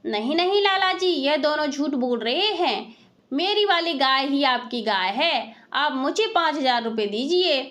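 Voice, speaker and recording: A woman doing a hot-headed village thug from a storybook tale, blustering and menacing. The voice is high, and each threat comes out with a jab. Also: lively intonation, unhurried, a bit bright. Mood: insistent.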